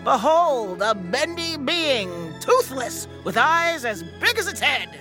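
A woman's voice: very animated, full character voice. Woman doing a showy, swooping carnival barker, drawn out. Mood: grandly hawking. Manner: drawn-out, booming proclamations. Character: showy carnival barker hawking curiosities, gleeful and dramatic. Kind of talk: theatrical comic sketch acting. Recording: music behind the voice.

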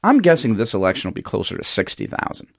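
A man on a radio panel, speaking in a measured, analytical way. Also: fairly low pitch, very animated, gravelly, no room sound, studio quality. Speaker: panel guest.

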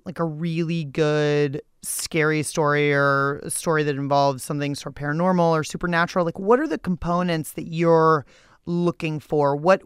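An American woman with a low, clean voice hosts a podcast, narrating from a script and interviewing in a playful, jokey style, like radio. The audio is dry and studio quality.

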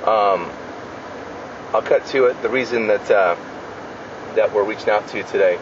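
A man's voice: fairly low pitch, normal speed. A man questioning someone as a police investigator, casual and probing, in an informal recorded interview. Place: inside a parked minivan. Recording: dull, noisy field recording in vehicle.

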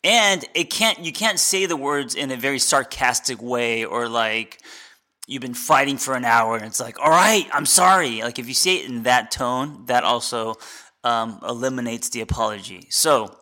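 A man's voice: medium pitch, moderate pace, pushed and bright. A man hosting his own podcast as a life coach, giving unscripted advice in an earnest, plainspoken way with frequent restarts. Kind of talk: unscripted solo advice talk.

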